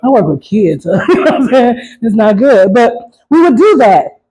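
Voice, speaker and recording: A woman's voice: fairly high pitch, big pitch swings, moderate pace, warm tone, slightly rough, low-quality recording. A woman performing a stand-up comedy set, talking loosely and with lots of swearing, often asking the crowd to agree with her. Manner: loose, profane, keeps asking the crowd "right?".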